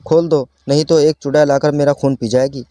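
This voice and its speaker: A man's voice: fairly high pitch, fairly even intonation, a little fast, mellow, dry recording, natural voice. A man voicing a frightened, feverish young girl who pleads with her parents, in a storybook reading. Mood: frightened pleading. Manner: pleading, fearful.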